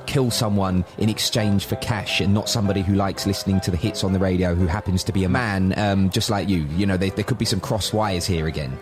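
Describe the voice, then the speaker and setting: A man's voice: sits low, steady tone, fairly quick, few pauses, music in the background. A man co-hosting a podcast, bantering and improvising silly sketches, stammering and jumping into voices. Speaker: podcast co-host.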